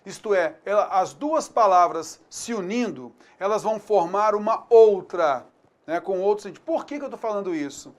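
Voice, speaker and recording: A man with a Brazilian accent teaching an online grammar lesson, chatty, checking in with students often and slowing down to spell out example words. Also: high voice, expressive. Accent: Brazilian Portuguese. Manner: chatty, repeats tag questions to students. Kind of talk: online exam-prep lesson.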